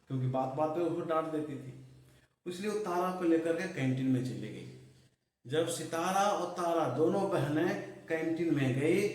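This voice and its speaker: A man narrating a motivational story, unhurried, with rhetorical asides to the listener. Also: fairly high pitch, a little mellow. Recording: echoey room, far from mic.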